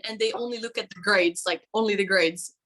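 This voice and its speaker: Speaking fairly quickly in a mid-range, fairly bright voice, a Norwegian woman in her twenties, a veterinary student and guest, keeps the conversation casual. She laughs a lot and fills her chatter with likes and you-knows.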